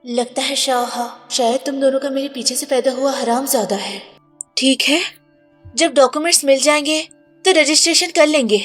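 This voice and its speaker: A woman's voice: sits high, normal speed, faint music behind, lightly acted. A woman dubbing a cold, scheming wife bent on revenge, with a Hindustani accent. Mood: bitter. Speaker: dub actor. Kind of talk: dubbed drama acting.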